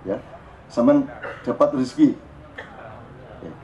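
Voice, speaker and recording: Slow and dark in tone, this older preacher's medium-pitched voice carries an East Javanese accent as he leads a public religious gathering on an outdoor plaza. His informal sermon is full of teasing, frequent laughter, and acted-out exclamations. The sound is a dull live capture with faint noise behind it.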